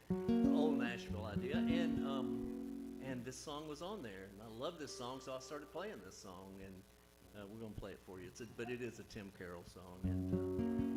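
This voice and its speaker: A man's voice: medium pitch, rough recording. A man, a singer-songwriter giving rambling, folksy banter between songs on a live stage. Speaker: singer-songwriter introducing his band. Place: live music stage with audience. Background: guitar and band instruments.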